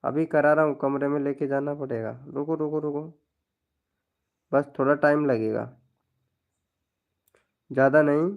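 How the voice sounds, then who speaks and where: A man chatting casually with viewers on a live stream, slowly reading out their names and IDs. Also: a little high, steady tone, vocal fry, phone-quality sound.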